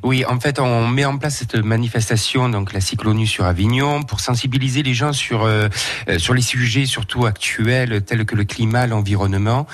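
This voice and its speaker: A man's voice: medium pitch, normal speed. A man, president of an association, answering interview questions with frequent hesitations and self-corrections.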